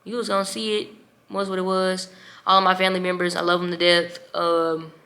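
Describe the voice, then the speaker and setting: Bright-voiced young woman telling her story. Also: fairly low pitch, a little fast. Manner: emotional, animated storytelling. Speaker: vlogger. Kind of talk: storytime vlog.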